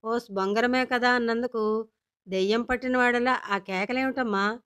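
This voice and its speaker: A woman's voice: fairly high pitch, fairly even intonation, normal speed, a bit bright, clear, resonant tone, natural voice. A woman voicing a curious young daughter who keeps pressing her father with wheedling questions in a storybook reading.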